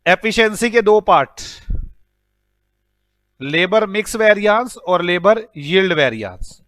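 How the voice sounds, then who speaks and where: A man's voice: sits high, slow pace, no room sound. An Indian man with an Indian accent teaching an accounting class, telling stories with mock scolding. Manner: animated storytelling with mock scolding. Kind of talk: classroom lecture.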